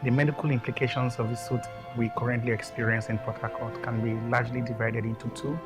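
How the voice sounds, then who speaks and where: A man's voice: mid-range voice, flat delivery, quick pace, over loud music. A man giving a formal medical explanation in a news interview clip. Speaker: medical expert.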